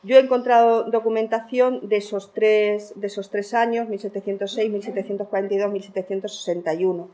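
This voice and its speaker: A woman from Spain lecturing at a conference in a conversational way. Her voice sits at an ordinary middle pitch, and she drops in fillers and short laughs between her points. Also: fairly quick, few pauses. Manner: lively, laughs between items, many fillers. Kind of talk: academic conference talk.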